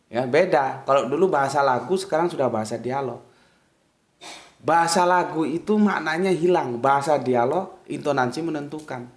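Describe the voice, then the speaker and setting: A man's voice: fairly high pitch, moderate pace. A man giving an informal religious lecture, casual and direct, often checking that his listeners follow. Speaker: religious teacher. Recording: echoey room.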